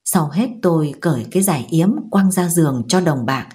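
A woman narrating a novel as an audiobook in a steady, measured storytelling manner. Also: sits low. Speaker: audiobook reader.

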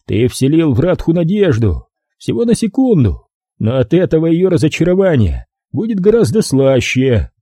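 A man's voice: fairly high pitch, very animated, normal speed, mellow, no room sound, clean studio sound, voice pushed up. A male audiobook reader voicing a cruel, mocking man who taunts his beaten captive. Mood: gloating.

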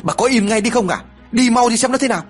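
A man voicing an irritable older village husband who scolds quickly and sharply. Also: very high-pitched, slightly rough, faint music behind, voice pushed up. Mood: scolding.

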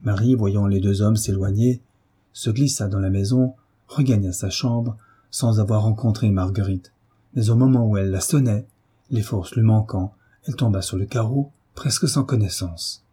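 A man narrating a classic novel as an audiobook, measured and even. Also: on the low side, breathy edge.

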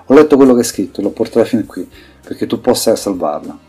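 A man voicing a caring, determined young man who speaks in a calm, reassuring way. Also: fairly low pitch, fast, gravelly, slightly rough, faint music behind, exaggerated voice. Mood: steady.

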